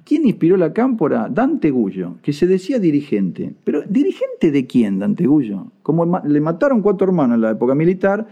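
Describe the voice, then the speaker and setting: Here the same indignant Argentine commentator speaks at a moderate pace with a fairly high, dark-toned voice, swinging widely in pitch and barely pausing. Sarcasm runs throughout as he mimics others in put-on voices, captured on dull lo-fi audio.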